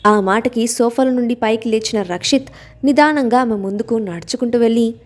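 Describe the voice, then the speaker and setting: A woman's voice: fairly high pitch, moderate pace. A woman with a Telugu accent narrating a novel in a scripted style, reading every character's lines herself. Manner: reads all characters' lines herself with little voice change. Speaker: storyteller.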